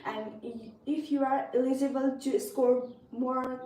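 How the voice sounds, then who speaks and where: A woman's voice: sits high, flat delivery, a little slow, warm tone, a little hiss or hum. A young woman from Nepal with a Nepali accent, giving earnest, rehearsed answers in a mock visa interview. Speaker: student visa applicant. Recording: roomy, distant, crowd behind.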